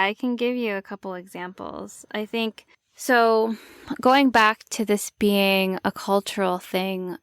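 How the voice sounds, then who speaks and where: A woman hosting a podcast, talking in a measured, thoughtful way. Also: medium pitch, clean tone, dry recording, clean studio sound. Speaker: podcast host. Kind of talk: conversational podcast chat.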